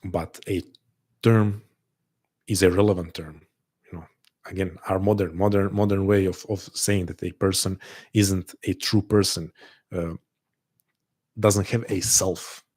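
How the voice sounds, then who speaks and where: In a steady, low, darkish voice with a breathy edge, a man unhurriedly hosts a live online call, pausing often. His earnest, reflective talk is marked by repeated words and restarted phrases as he thinks things through.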